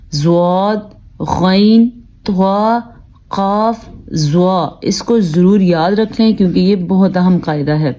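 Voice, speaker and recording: A woman teacher who spells out syllables and recites them slowly, then explains rules in quick speech. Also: on the low side, dark tone. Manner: slow drawn-out recitation between brisk explanations. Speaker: Quran reading teacher. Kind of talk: spelling out and reciting letters for learners.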